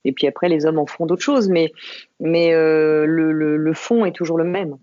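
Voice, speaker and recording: A woman's voice: sits low, fairly even intonation, warm tone, no room sound, muffled recording. Reflective woman from the Paris suburbs. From Paris suburbs, France. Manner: reflective, unhurried, many pauses and restarts. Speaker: guest. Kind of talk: podcast interview conversation.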